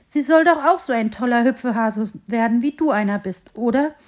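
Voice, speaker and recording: Storybook: woman reads a small shy young fir tree, eager and high-pitched. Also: normal speed, natural voice. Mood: relieved. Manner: bright, eager, high and lively. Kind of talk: storybook reading.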